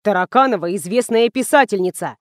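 A woman's voice: medium pitch, fairly quick, no room sound, clean studio sound, natural voice. A woman reading the part of a pushy male PR man who fires off fussy questions. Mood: insistent.

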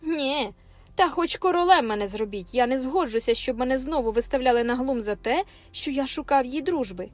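A sulky, rough young man barks out curses and resentful retorts, as a woman reader puts him on. The voice stays fairly high for a man. Faint music runs under the audiobook reading. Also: expressive, a little fast. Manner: rude and gruff, shouting curses. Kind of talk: audiobook character voice.

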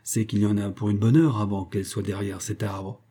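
Man reading as a calm ironic count, polite, quietly amused, low husky voice. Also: fairly quick.

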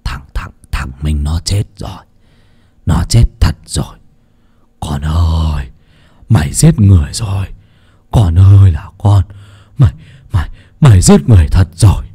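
A lecherous old village patriarch, voiced by a man reading aloud, stammering in a low, hushed and shaken voice in an audio storybook. His tone drops deep and sounds altered from the reader's own. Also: animated, a little slow, long pauses, breathy edge, heavily acted. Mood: panicked.

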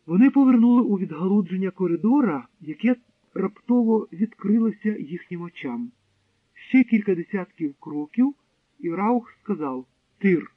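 A man narrating an audiobook in a steady, measured storytelling voice. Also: high-pitched, dry recording. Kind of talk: scripted narration. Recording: dry, tinny narrow-band sound.

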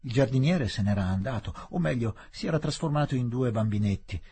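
A man reading a literary novel aloud, measured and expressive. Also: mid-range voice, slightly rough. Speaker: audiobook reader.

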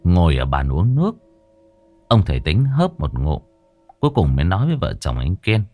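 A man's voice: low voice, huge pitch swings, moderate pace, darkish tone, soft background music. A man narrating a scripted ghost story in a dramatic, lingering way.

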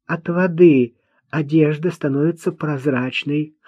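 A man's voice: fairly high pitch, a little slow, darkish tone, dry recording, pitched above the performer's own voice. A man voicing a simple-minded, vengeful young man in an audiobook, talking bluntly and childishly. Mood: resentful. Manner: childish, blunt, hate-filled. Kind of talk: audiobook character voice. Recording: dull dry lo-fi recording.

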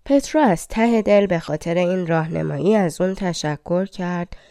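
Fairy tale audiobook narrator, woman, low mellow voice, dry close sound. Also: no room sound. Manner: measured, dramatic storytelling.

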